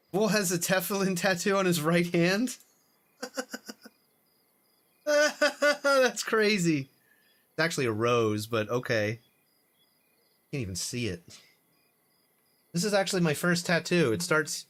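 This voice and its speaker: Man streaming a game, slightly high voice, chatty, laughs a lot. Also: fairly bright tone. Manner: laughs often, chatty and rambling. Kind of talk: casual live gameplay commentary.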